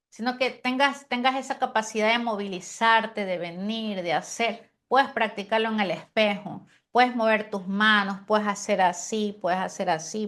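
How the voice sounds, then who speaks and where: A woman gives a chatty lesson on preaching. She lets pauses hang on purpose and often checks in with her listeners. Her voice sits at a middling pitch. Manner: animated, uses deliberate pauses and demonstrations; frequent rhetorical "¿sí?" and "amén". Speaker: preaching teacher. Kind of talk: conversational teaching on preaching.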